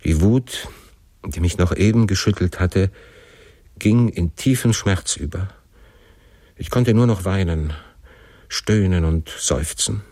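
A man giving an expressive, measured first-person reading of a classic novel as an audiobook narrator. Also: low-pitched, no room sound.

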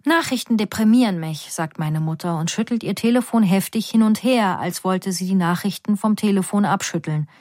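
A woman reading a first-person story aloud in a calm, measured, quiet voice. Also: mid-range voice, no room sound, clean studio sound. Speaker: reader.

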